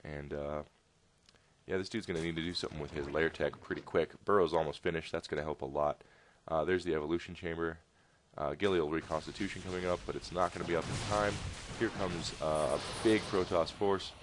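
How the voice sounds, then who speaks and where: A man's voice: very deep voice, steady tone, fairly quick, a little hiss or hum. A man casting a strategy game replay in a casual, rambling way with jokey asides. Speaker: game caster. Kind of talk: casual video game commentary.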